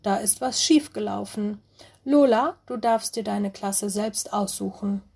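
A woman voicing a calm, kindly female cat headmistress in a storybook, speaking slowly and reassuringly. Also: medium pitch, vocal fry, breathy edge. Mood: apologetic.

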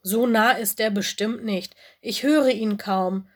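A woman voicing Lola, a bold and curious young female forest animal who talks in a lively, daring way in a storybook reading. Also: mid-range voice, slow. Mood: excited.

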